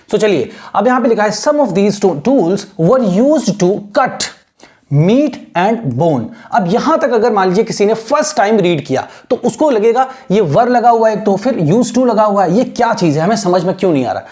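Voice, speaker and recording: A man teaching an English lesson in mixed Hindi and English, asking rhetorical questions and repeating words slowly to show how they are pronounced. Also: high voice, darkish tone. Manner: asks rhetorical questions and answers them.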